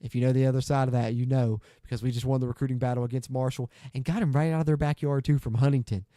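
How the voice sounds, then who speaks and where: A man's voice: medium pitch, fairly even intonation, quick pace, dark tone, no echo, studio quality. A man streaming a football video game, chatting upbeat to viewers as he plays. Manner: chatty, upbeat, talks to viewers while playing. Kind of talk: casual gaming livestream commentary.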